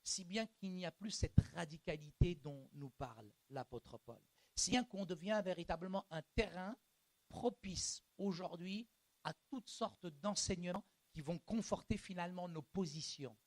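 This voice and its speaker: A male pastor preaching a sermon in a church, animated and colloquial, moving from hushed lines to shouting. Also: high voice, measured pace. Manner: colloquial street slang.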